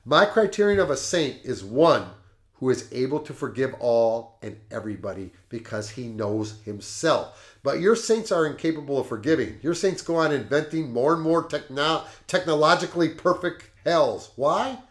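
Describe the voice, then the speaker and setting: A middle-aged man hosting a show, reading passages from a book aloud and commenting on them in a lively way. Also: on the high side, moderate pace. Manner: animated, laughs at the jokes he reads. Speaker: podcast host.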